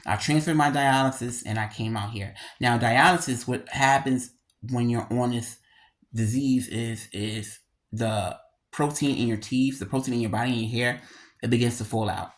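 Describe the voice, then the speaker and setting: Thirties vlogger talking real candid and slangy, mid pitch, slight lisp from missing front teeth, repeats stuff for emphasis. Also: moderate pace. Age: 30s. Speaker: video creator. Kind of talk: casual confessional vlog.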